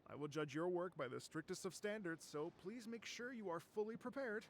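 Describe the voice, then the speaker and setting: A man voicing a cautious, formal, exacting musician and organizer in a game cutscene, measured, hesitant and creaky. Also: high voice, expressive, a little hiss or hum. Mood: resolved, stern.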